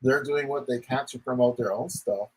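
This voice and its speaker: A man's voice: mid-range voice, normal speed, a little mellow, breathy edge, rough recording. A man delivers a casual opinion rant in the manner of an online commentator. He rambles along, leaning often on little verbal tics.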